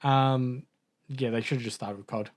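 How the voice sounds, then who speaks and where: A man co-hosting a gaming podcast in casual chat, upbeat and joking, briskly reading through lists of game updates. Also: mid-range voice, fairly even intonation. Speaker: podcast co-host reading news.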